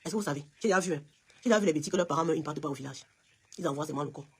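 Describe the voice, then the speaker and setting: A Cameroonian woman with a Cameroonian French accent hosts a casual live stream. Her husky voice rattles along at great speed. She talks emphatically and speaks straight to her viewers by name. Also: sits low, racing. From Cameroon, West region.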